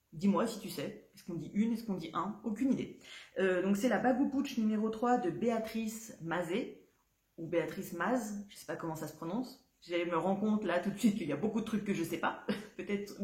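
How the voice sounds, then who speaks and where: A woman's voice: medium pitch, a little mellow. A woman hosting a knitting podcast, talking casually to the viewer with many fillers and small laughs. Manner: chatty, many fillers and restarts, laughs easily. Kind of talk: casual chat to camera. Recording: roomy echo.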